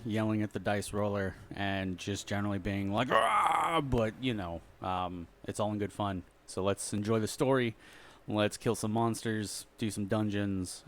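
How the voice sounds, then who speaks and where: A man hosts a casual let's play, reading item descriptions aloud and muttering side remarks while he shops in the game. His voice sits on the low side. The recording carries a bit of hiss or hum.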